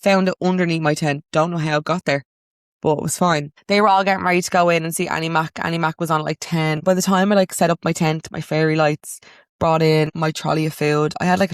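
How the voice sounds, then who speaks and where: A woman's voice: sits low, creaky, no echo. Chatty young Irish woman, dry close sound. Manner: chatty storytelling, quick asides, animated outbursts. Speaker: podcast host. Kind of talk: casual chat.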